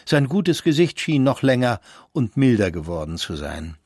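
A man narrating a classic novel as an audiobook, with measured and expressive storytelling. His voice sits at an ordinary male pitch and is recorded dry and close, with no room sound. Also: breathy edge, no echo. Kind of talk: scripted literary narration.

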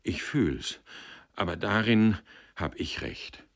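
A man's voice: fairly low pitch, animated, takes it slowly, gravelly, exaggerated voice. A man reading a German novel aloud, voicing a broken, despairing man who speaks dully and heavily. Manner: dull, muttered, heavy.

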